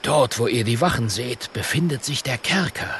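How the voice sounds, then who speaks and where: An actor playing a self-assured merchant in a storybook audio play, speaking confidently with a touch of boastfulness. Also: male voice, mid-range voice, animated, moderate pace, a bit bright, a little hiss or hum.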